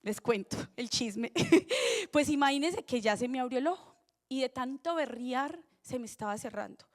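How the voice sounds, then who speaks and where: Middle-aged woman pastor, high voice, chatty preaching that keeps asking the crowd questions. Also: moderate pace. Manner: conversational, animated preaching with rhetorical questions. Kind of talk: sermon.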